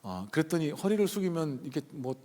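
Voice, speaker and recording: A man's voice: a little high, very animated, fairly quick, warm tone. A male pastor telling a personal story in a sermon, conversational and full of hesitant fillers, speaking from the pulpit of a church sanctuary. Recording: long reverb of a church hall.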